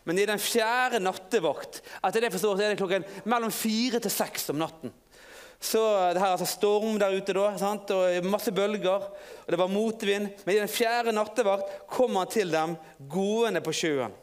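A man preaching in an informal storytelling way, halting and restarting often. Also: sits high, clear, resonant tone. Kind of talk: sermon.

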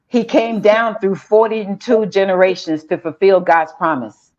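A woman's voice: mid-range voice, fairly even intonation, a little mellow, highs cut off. Woman preaching in call and response. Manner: slow declarative call and response. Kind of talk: sermon.

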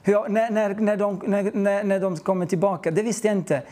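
High-voiced man telling a testimony. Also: flat delivery, dark tone. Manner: storytelling, acting out dialogue, earnest. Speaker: preacher. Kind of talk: testimony sermon.

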